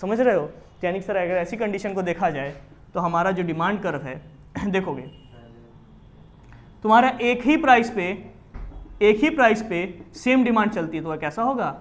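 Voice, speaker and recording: A man teaching a commerce class, explaining with lively questions to his students. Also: high voice, moderate pace, pauses often. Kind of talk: classroom lecture in Hindi with English terms.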